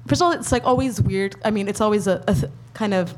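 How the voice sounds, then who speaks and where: A woman's voice: medium pitch, quick pace. A young woman in casual conversation, speaking hesitantly with many "like"s and "um"s. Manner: hesitant, lots of "like" and "um". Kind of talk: casual chat.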